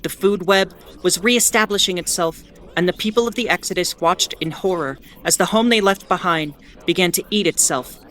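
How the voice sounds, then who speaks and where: A woman with a fairly low, fairly bright natural voice speaks at normal speed. She narrates a scripted audio drama as the host of an in-world radio bulletin aboard a spaceship, wry and defiant, her conversational explanations carrying a solemn storytelling feel.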